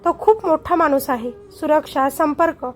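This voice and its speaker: A woman's voice: high-pitched, normal speed, close to an everyday voice. A woman voicing a stern, commanding male police officer in a storybook narration.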